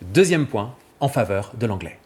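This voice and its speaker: A male vocal coach giving a clear, didactic scripted explanation and demonstrating examples. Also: fairly low pitch, big pitch swings, moderate pace, a little mellow.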